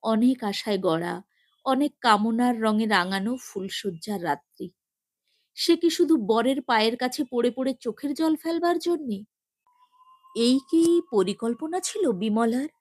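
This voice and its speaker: A woman narrates a short story in an expressive, measured reading voice. Her voice sits fairly high. The recording is dry and close, with no room sound. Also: dry recording.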